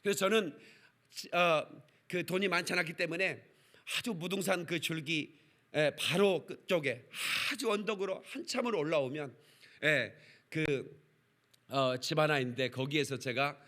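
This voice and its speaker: A man preaching a lively sermon as a pastor, telling a personal story and drawing responses from the congregation. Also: a little high, normal speed. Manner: animated, calls for congregation responses, acts out quotes. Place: church service.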